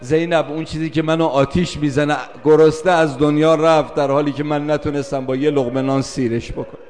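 A man's voice: medium pitch, steady tone, a little mellow, close to an everyday voice. A male preacher voicing a grieving noblewoman lamenting her dead niece, with long hall reverb. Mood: anguished.

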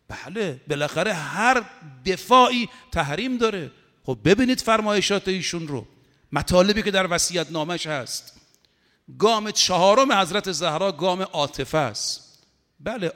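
A man's voice: a little high, fairly bright tone, big-room sound. A man preaching a religious sermon, impassioned and building to emphatic peaks. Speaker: cleric preacher.

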